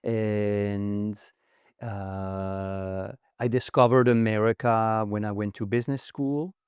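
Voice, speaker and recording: A middle-aged man with a slight French accent, speaking in measured, hesitant phrases as a guest in an interview conversation. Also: on the low side, steady tone, darkish tone, smooth, no room sound. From France. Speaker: podcast guest, investment fund founder.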